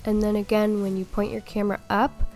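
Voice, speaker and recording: A young woman a little under the weather, her voice slightly crackly, calmly explaining tips step by step in a tutorial voice-over. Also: mid-range voice, a little fast, soft background music. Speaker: video game tutorial host.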